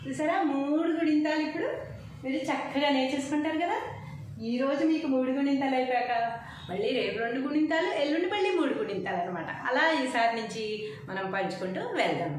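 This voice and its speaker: A woman teaching a lesson, reciting syllables slowly and explaining how to write them. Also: high-pitched, lively intonation. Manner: slow, drawn-out recitation of syllables. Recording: echoey room, faint noise.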